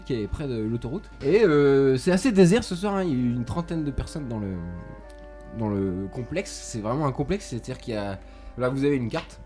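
A man running a tabletop game as game master, narrating the scene between fillers. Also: on the high side. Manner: lively, hesitant with fillers. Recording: faint music behind.

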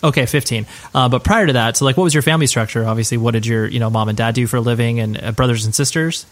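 A man's voice: mid-range voice, quick pace. Chatty male podcast host. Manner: chatty, filler-heavy, affirming with "right, right". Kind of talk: casual podcast interview.

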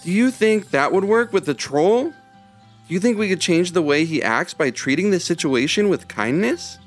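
A man's voice: high-pitched, animated, normal speed, faint music behind, voice pushed up. A man voicing Levi, a curious young boy who asks questions in a thoughtful way. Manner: inquisitive, thoughtful.

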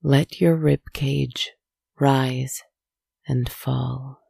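Low, creaky, hushed woman's soothing storytelling. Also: steady tone, dry recording, studio quality. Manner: slow, deliberate, poetic phrasing. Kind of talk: soft, scripted guided relaxation storytelling.

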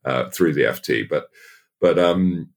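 Very deep, husky-voiced man, halting. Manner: halting, many restarts and fillers. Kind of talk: casual podcast chat.

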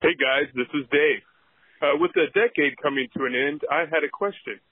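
A man's voice: a little high, normal speed, slightly rough. A male caller leaving a casual voicemail message over a phone line. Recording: tinny muffled phone voicemail.

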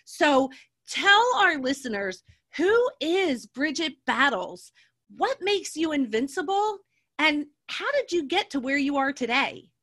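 Gushing lady show host, really high bright voice, chatty interview style. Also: sing-song, slow. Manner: effusive, gushing. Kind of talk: conversational interviewing.

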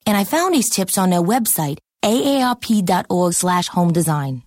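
A woman's voice: lowish voice, very animated, normal speed, no room sound, clean studio sound. A woman reading a scripted testimonial for a radio advertisement.

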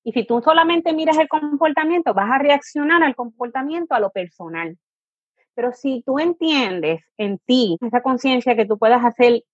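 A woman's voice: on the high side, dry recording, muffled recording. A woman, an educator and coach, answering interview questions and explaining patiently, now and then acting out what a parent or a child says. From Puerto Rico. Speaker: positive discipline educator and coach.

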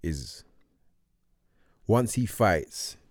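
A man's voice: on the low side, animated, very slow, no echo, studio quality. A man chatting casually as a podcast co-host. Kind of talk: casual chat.

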